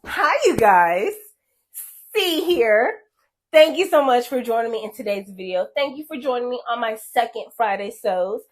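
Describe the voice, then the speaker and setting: A woman's voice: on the high side, animated, moderate pace. A woman chatting casually as a sewing vlogger, upbeat and friendly with her viewers, a bit out of breath and congested. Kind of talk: casual chat to camera.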